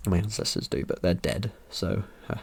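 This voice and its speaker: A man's voice: sits low, moderate pace, creaky, breathy edge. A young man chatting casually about his ancestry results, rambling and joking with lots of ums and uhs. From Britain. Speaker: vlogger. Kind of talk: casual commentary over results.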